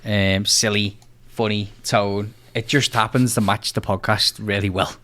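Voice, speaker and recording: A man co-hosting a podcast, chatting casually in a relaxed, rambling way. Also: fairly low pitch, measured pace. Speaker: podcast co-host. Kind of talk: casual chat.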